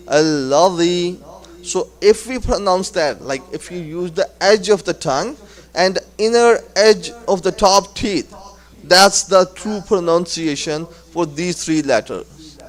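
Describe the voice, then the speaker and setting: Slow-spoken man teaching Quran pronunciation. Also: a little high. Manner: slow, repeats letters and words for practice. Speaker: religious teacher. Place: mosque.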